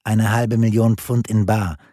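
A man's voice: lowish voice, little pitch movement, unhurried, mellow, no echo, studio quality. Man voicing a cold, mocking kidnapper. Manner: taunting and commanding. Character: menacing male kidnapper, disguised voice, cold.

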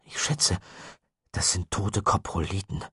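A man with a husky voice, voicing a curious teenage boy who explains things with a teasing edge. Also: sits low, sing-song, measured pace, bright, forceful tone, no echo, clean studio sound, full character voice. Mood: hushed.

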